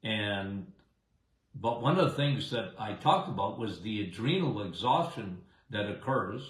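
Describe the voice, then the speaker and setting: This Canadian health show host has a big, lowish voice and speaks slowly in a casual live health talk. He's chatty and rambling, often saying "okay?" and "guys," and the recording has a roomy echo.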